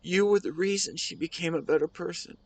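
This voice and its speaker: Here a man voices a bereaved husband in an intimate audio drama, his voice pitched a bit high as he addresses the wife he lost. Tender and bittersweet, he falters with feeling yet stays full of devotion, captured on a dry recording.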